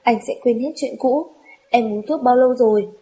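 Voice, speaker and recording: A woman's voice: a little high, normal speed, mellow, natural voice. A woman voicing a distraught young husband who cries out and pleads with his wife. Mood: pleading. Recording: dull lo-fi recording.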